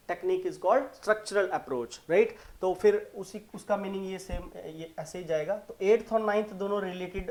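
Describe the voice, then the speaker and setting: A teacher with a Punjabi accent giving an online exam-prep lesson, mixing Hindi and English, explaining slowly and often checking in with "right?". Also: medium pitch, darkish tone. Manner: explains slowly and repeats key terms. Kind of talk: online exam-prep lesson going through multiple-choice questions.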